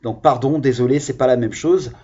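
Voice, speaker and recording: A man teaching young children in a recorded lesson, patient and encouraging, stretching out the key words slowly. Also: medium pitch, dark tone, husky, dull audio. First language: French. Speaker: primary school teacher.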